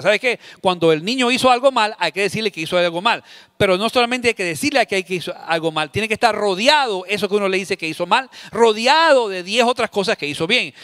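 A man preaching a sermon in a high, bright voice, with dry sound close to the mic. He drives his points home by repeating phrases. He swings between loud and soft to act out everyday scenes. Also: no room sound. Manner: emphatic, repeats key phrases. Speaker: pastor.

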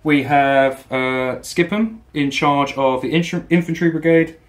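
A man explaining his tabletop army and its rules in a steady, hesitant way at home. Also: a little high, unhurried. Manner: steady, reads out unit rules with hesitant ums. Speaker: opposing wargame player. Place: home room with a wargame table. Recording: roomy echo.

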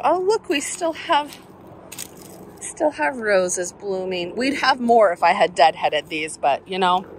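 In a mid-range voice with a touch of hiss or hum, a garden vlogger from southern Alabama chats cheerfully while walking outdoors. She holds her phone camera at arm's length and sprinkles in folksy comments. Faint open-air ambience and passing helicopters can be heard.

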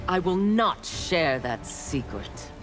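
With music playing behind her, an actress with a lowish voice speaks game intro banter as a stern, armored female clan warrior in a fighting game. Her tone is cold, clipped and menacing, very animated, and slow.

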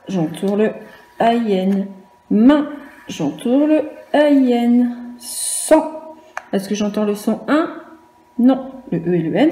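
A woman teaching a virtual class to young children, patiently spelling words out letter by letter in a slow, clearly articulated lesson. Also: fairly high pitch, dark tone. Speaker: primary school teacher. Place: room at home for a virtual class. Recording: echoey room with faint background noise.

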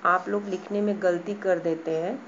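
A woman schoolteacher giving a lesson to young children, speaking slowly and patiently, repeating and spelling out words. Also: fairly low pitch, fairly even intonation, lo-fi sound, a little hiss or hum. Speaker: school teacher. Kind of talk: online class lesson.

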